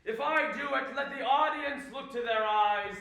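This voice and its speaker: A man's voice: very high-pitched, normal speed, bright, forceful tone, exaggerated voice. A man playing a boastful, hammy weaver who wants every part in the play, in a grandiose, showy manner. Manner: grandiose and showy, loves to declaim. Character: boastful hammy male weaver actor, Bottom. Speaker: amateur actor in a play reading. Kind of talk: Shakespeare scene performance. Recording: very echoey room, voice heard from a distance.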